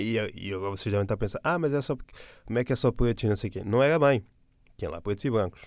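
Rambling, slangy Portuguese man, low voice. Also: darkish tone, no echo. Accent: European Portuguese. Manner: rambling and slangy, with many restarts and fillers. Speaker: stand-up comedian. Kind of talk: casual storytelling monologue.

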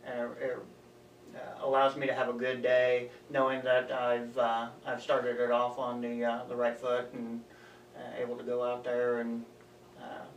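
A young adult man, a running coach and guest, answering interview questions in an earnest, halting way, speaking in short stretches. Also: mid-range voice, completely flat delivery, distant mic, muffled recording. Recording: echoey room, voice a bit off-mic, faint background hum.

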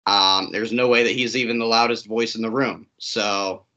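A man's voice: fairly low pitch, fairly even intonation, normal speed, sharp tone. A man co-hosting a casual hockey podcast, blunt and dry, with the odd curse. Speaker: podcast co-host. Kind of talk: casual sports talk. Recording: dull lo-fi sound.

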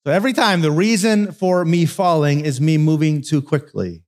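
Pastor, male, fairly high voice, relaxed sermon delivery with jokey asides. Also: moderate pace. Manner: conversational storytelling, joking asides.

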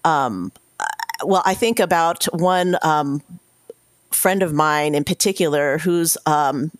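Low, unhurried woman guest. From Washington State, US. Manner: reflective, with many fillers and restarts. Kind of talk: podcast interview answer.

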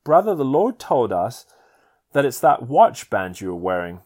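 A man's voice: mid-range voice, sing-song, a little slow, a little mellow. A man voicing an earnest churchwoman. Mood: urgent.

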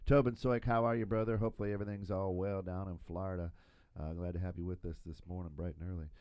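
A man's voice: low voice, fairly even intonation, quick pace, a little mellow, smooth, dry recording, dull audio. A man hosting a morning talk show, joking and rambling with many fillers and restarts. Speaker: radio show host. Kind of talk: casual studio chat.

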